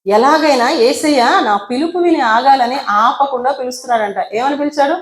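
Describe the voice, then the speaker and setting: A woman evangelist preaches a sermon at normal speed, posing many rhetorical questions and acting out the voices in her story. Her voice sits high, and the recording has a roomy echo.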